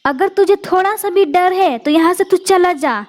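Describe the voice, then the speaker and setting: A woman's voice: very high-pitched, normal speed, pitched above the performer's own voice. A woman voicing a proud female pigeon in a cartoon, bossy and scolding. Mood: fierce scolding. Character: proud female pigeon, haughty then fierce.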